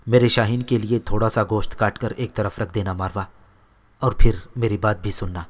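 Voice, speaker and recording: A man voicing a brave young male warrior who gives calm, firm orders to his family. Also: fairly low pitch, lightly acted. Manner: firm, commanding.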